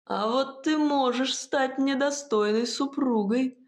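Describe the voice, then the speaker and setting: A woman voicing a mocking male sorcerer villain who speaks slowly and with a sneer in an audiobook. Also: mid-range voice, vocal fry. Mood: menacing.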